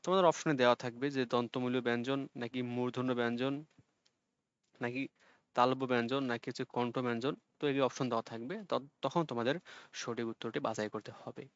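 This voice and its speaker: A man teaching an online exam-prep lesson, explaining patiently and repeating sounds slowly for students to copy. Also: medium pitch, flat delivery, clear, resonant tone, dry recording, highs cut off.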